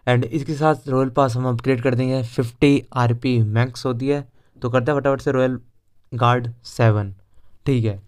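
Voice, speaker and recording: This young man's voice is medium in pitch, steady and a little mellow, recorded cleanly at a normal speed. With an Indian accent, he chats informally through a game walkthrough as a video host, switching between Hindi and English words.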